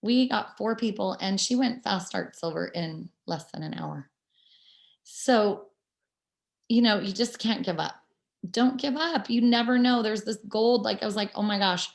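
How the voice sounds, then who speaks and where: A woman's voice: medium pitch, a little slow, creaky. A woman talking casually and with energy as she leads a motivational team call over a video link, with many fillers. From California. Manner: upbeat, chatty, many fillers. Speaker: team leader.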